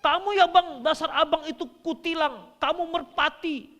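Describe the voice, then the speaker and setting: A man mimicking a shrill scolding wife. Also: moderate pace, sharp tone, lo-fi sound. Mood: scolding shrilly. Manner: shrieking, mocking.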